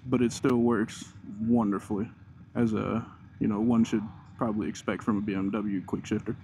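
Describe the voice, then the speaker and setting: A man's voice: on the low side, flat delivery, moderate pace. A man giving casual, enthusiastic first-impression commentary as a motovlogger, his voice enclosed inside a helmet with the mic close to his mouth. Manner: laid-back enthusiastic, talking to himself and viewers while riding. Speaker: motorcycle vlogger. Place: inside a helmet on a moving motorcycle, outdoors. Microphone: helmet mic right in front of the mouth. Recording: wind and engine noise in helmet. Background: motorcycle engine, wind noise.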